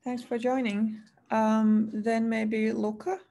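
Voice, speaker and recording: A woman moderating a panel roundtable over a video call, speaking haltingly with many fillers. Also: fairly high pitch, flat delivery, gravelly, mellow, slight background noise. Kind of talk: hosting an online roundtable.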